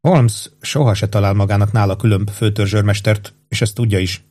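A man narrating a novel as an audiobook, in a steady, even storytelling manner. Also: on the low side.

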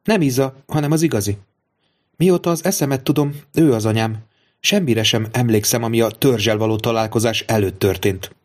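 A man's voice: medium pitch, a little mellow, close to an everyday voice. A man reading aloud, voicing a torn, tender young mother in an earnest tone. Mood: distressed.

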